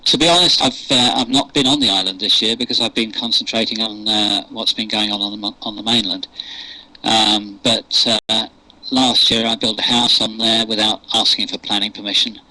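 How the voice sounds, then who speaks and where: A man's voice: lowish voice, fairly even intonation, normal speed, pushed and bright, no room sound, low-quality recording. An older man with a posh English accent, answering interview questions in a hesitant way with many fillers and restarts. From England. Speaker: interview guest. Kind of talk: unscripted radio interview.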